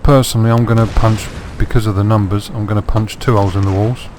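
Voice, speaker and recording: A man's voice: lowish voice, fairly even intonation, fast, darkish tone, a little hiss or hum. A man with a sore throat giving dry, wry let's play commentary on a strategy game. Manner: dry, wry self-mocking asides. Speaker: gameplay commentator.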